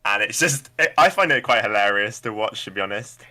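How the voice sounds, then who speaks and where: A man appearing as a guest on a podcast, chatting casually with a relaxed, wry manner. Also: fairly low pitch, brisk.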